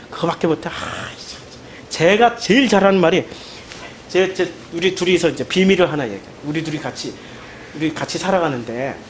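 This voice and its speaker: A male pastor delivering a sermon in an emphatic, animated way, full of rhetorical questions. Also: fairly high pitch, a little hiss or hum.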